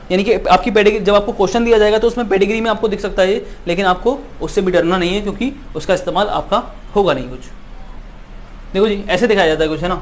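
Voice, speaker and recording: Male biology tutor, high voice, repetitive and reassuring, faint hiss in the background. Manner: repetitive, keeps asking "है ना" to check students follow; reassuring and insistent, promises results. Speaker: biology teacher. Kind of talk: exam-prep lecture.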